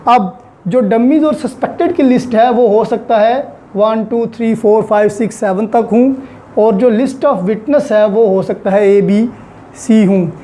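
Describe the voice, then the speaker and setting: Speaking at a measured pace in a slightly high, mellow voice, a woman with a Pakistani accent lectures on law, explaining concepts through worked examples. She repeats the main points like a teacher and weaves English terms and phrases into what she says.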